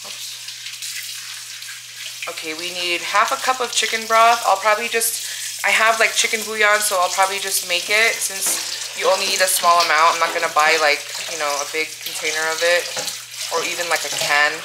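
A woman's voice: lowish voice, steady tone, moderate pace, background noise. An American woman vlogger chatting casually and thinking aloud, with lots of fillers, sounding tired. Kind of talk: casual chat.

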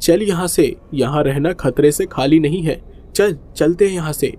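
A man's voice: a little high, normal speed, mellow, natural voice. A man voicing a frightened elderly grandmother who stammers anxiously. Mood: frightened pleading.

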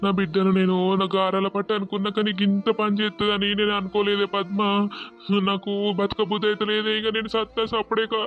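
A man voicing a middle-aged village father, loudly scolding and wailing in despair. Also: high-pitched, monotone, quick pace, phone-quality sound, faint music behind, close to an everyday voice.

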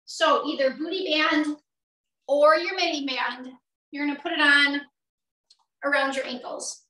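A middle-aged woman leading a workout as an energetic aerobics instructor, counting and cueing while exercising along. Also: high voice, a little slow. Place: small indoor home gym. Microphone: far camera a few metres away. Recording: roomy echo, distant microphone.

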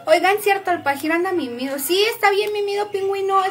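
A woman's voice: extremely high pitch, a little fast. A young woman chatting casually on a live stream, upbeat and greeting and thanking viewers by name. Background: music.

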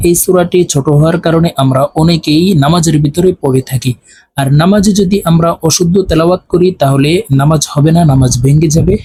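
High-voiced man teaching Quran recitation. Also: a little mellow, a little hiss or hum. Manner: spells Arabic letter by letter, then recites slow drawn-out verses. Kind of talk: spelling lesson with slow recitation.

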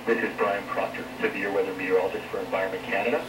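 A male meteorologist reading an emergency weather bulletin in a steady, formal way, played back through a TV loudspeaker. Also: low-pitched, very fast. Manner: steady, formal warning delivery. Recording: echoey room, distant from mic, noisy.

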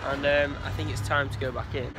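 A man's voice: mid-range voice, level tone, fairly quick, very noisy. A man in his late teens chatting casually to his vlog, recorded on a phone held at arm's length. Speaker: vlogger. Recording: phone vlog with music over it.

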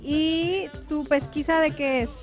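A woman's voice: high-pitched, steady tone, over music. A woman co-hosting a live morning TV show, friendly, chiming in and reading sponsor plugs. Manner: friendly, quick interjections, reads sponsor plugs. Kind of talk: casual live TV chat.

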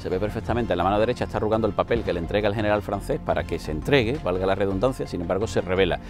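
Middle-aged male host, somewhat low pitch, smooth assured delivery, street setting. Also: rapid-fire, soft background music. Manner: fluent, assured, literary phrasing. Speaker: host and interviewer. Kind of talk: outdoor cultural interview. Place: city square outdoors.

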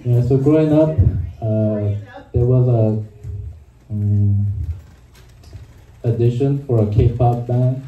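Recorded from the crowd at a small club, this young comedian from Korea speaks into a handheld mic in a mid-range voice, slowly, with long pauses and plenty of hesitant ums and uhs. The sound is muffled, distant and echoey, with a little hiss or hum, audience laughter and room noise.

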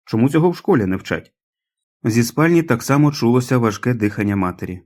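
Male audiobook narrator, measured and dramatic. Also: mid-range voice, lively intonation, darkish tone. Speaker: audiobook reader.

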